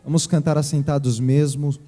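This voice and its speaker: A man's voice: on the high side, fairly even intonation, normal speed, dark tone, faint music behind. A man leading worship in a church, greeting the congregation formally and announcing the next hymn. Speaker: worship leader.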